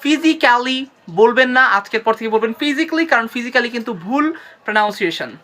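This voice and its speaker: A woman teaching English pronunciation in a short video lesson, repeating each word slowly and asking viewers to say it with her. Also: a little high, sharp tone. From Bangladesh. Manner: repeats words slowly, drills viewers, urges sharing.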